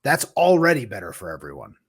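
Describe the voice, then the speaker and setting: A man's voice: fairly low pitch, huge pitch swings, fast talker, slightly rough. A man talking in a casual political chat, sarcastic and mocking. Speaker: co-host.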